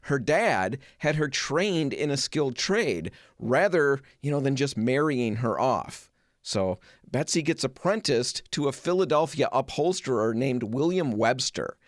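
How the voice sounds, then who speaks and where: A middle-aged man hosting a home improvement show, telling a story in a chatty, animated way with lots of asides. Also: mid-range voice, a little slow, no room sound, clean studio sound. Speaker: host.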